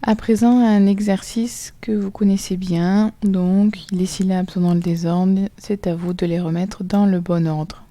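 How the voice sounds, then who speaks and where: A woman with a French accent teaching a recorded phonics lesson to children, spelling sounds out slowly and clearly letter by letter. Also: medium pitch, steady tone, dark tone, no room sound.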